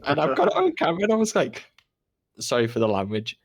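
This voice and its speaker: Young Englishman, podcast co-host, animated and laughing storyteller. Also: fairly high pitch, quick pace, creaky, breathy edge. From England. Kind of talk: casual chat.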